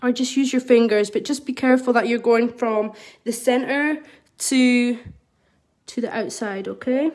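At an indoor nail studio desk, a woman from Scotland with a mild Scottish accent gives a live tutorial, chatting and reading out comments from viewers while working. Her voice is a little high with a darkish tone, and she's unhurried. The phone camera recording sits over her work table.

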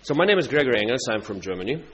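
A man speaking at a conference, halting, with many fillers and restarts. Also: mid-range voice, very animated, a bit bright, slightly rough. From Russia. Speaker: party international coordinator. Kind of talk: conference speech. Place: conference hall. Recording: dull conference-room recording with faint hum.

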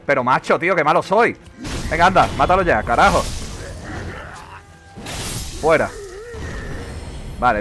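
A man giving excitable live commentary on his gameplay, swearing and shouting at the game. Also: medium pitch. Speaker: gaming streamer.

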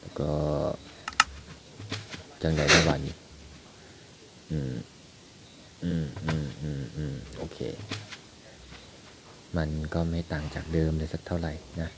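Casting: young male gamer, very low voice, relaxed thinking-aloud commentary, heavy background noise. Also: slow, long pauses. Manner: chatty, thinks aloud while playing. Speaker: gaming YouTuber. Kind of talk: casual game commentary.

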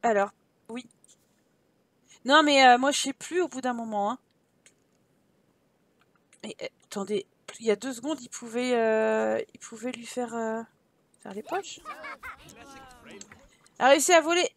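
Woman gamer, high-pitched, fed-up and profane while playing. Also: unhurried, long pauses, no room sound. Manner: exasperated, swearing, laughing asides. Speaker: gaming streamer. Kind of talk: casual let's-play commentary.

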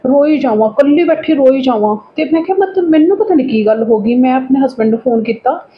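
A woman's voice: high voice, animated, fast, narrow, tinny audio, slight background noise. A woman vlogger with a Punjabi accent, chatting casually through her daily routine and often adding little tag questions. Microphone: phone camera.

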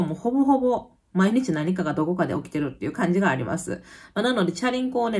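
A woman in her thirties with a Kansai Japanese accent, chatting casually in her vlog and telling everyday stories. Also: lowish voice. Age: 30s. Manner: chatty storytelling with lively quoted voices. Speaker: vlogger. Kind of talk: casual chat. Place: home in Copenhagen.

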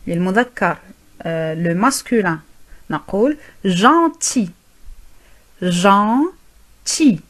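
Slow-spoken woman teaching French. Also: mid-range voice. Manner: slow, drawn-out word repetition. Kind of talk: language lesson.

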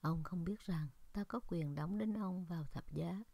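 A woman's voice: on the low side, measured pace, gravelly, mellow, dry recording. Woman reading as a stern Roman governor. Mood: questioning. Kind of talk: Scripture reading.

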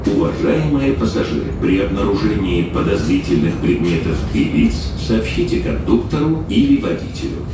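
Man, deep-ish voice, formal announcement through tram intercom, booming from far off. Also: big pitch swings, heavy background noise. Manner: formal, measured. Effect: over the tram's intercom loudspeaker. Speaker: transit announcer. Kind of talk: prerecorded public announcement. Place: inside a moving tram. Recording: echoey loudspeaker taped from far off.

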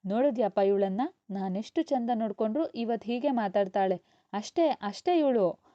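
A woman voicing a sharp-tongued young mother who scolds loudly, in a dull, dry recording. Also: lively intonation, moderate pace, no room sound, close to an everyday voice. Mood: scolding. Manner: scolding, loud and high.

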